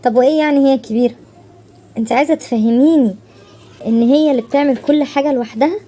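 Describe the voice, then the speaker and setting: Woman doing an egyptian auntie type, very high voice, quick, keeps asking why and pushing back. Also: dark tone. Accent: Egyptian Arabic. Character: concerned older relative of the mother, calm and questioning.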